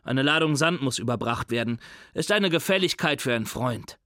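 A man's voice: mid-range voice, expressive, normal speed, sharp tone, no room sound, studio quality. A man reading a curt, cool old grandmother. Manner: cool, clipped.

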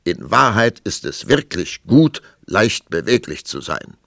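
A man's voice: deep voice, sing-song, slow pace, gravelly, dry recording, studio quality, full character voice. A man voicing a quarrelsome, pompous king who snarls and blusters, raising his voice for an audiobook. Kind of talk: audiobook character voice.

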